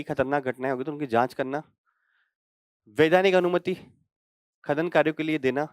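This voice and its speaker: A man's voice: on the high side, no echo. A man teaching a current affairs lesson for exam prep, asking himself questions and checking in with students as he explains. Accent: Hindi. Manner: explains with rhetorical questions and frequent "thik hai" check-ins.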